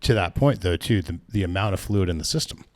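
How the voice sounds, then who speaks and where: Low-voiced man chatting about bikes. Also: animated, quick pace. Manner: rambling, self-correcting, laughs at own stories. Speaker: podcast co-host, bike shop staff. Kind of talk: casual chat.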